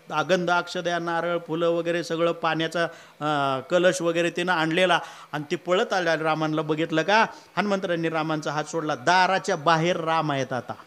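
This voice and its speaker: High bright-voiced man preaching folksy. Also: clean tone. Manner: folksy, with asides to the audience. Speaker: kirtan preacher. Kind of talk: humorous Ramayana discourse.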